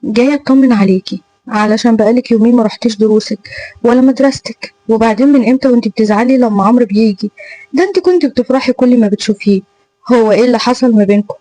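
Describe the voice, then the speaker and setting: A woman's voice: fairly high pitch, racing, dark tone, natural voice, low-quality recording. Woman voicing a worried older brother. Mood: concerned. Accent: Egyptian Arabic. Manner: concerned, questioning.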